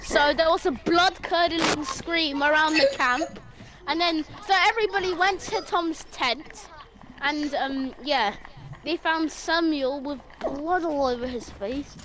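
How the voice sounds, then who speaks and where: A high-voiced woman tells a story over a noisy home microphone with clicks in the background. She is excitable and keeps cutting in to carry the tale on herself. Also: unhurried. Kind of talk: casual storytelling on a stream.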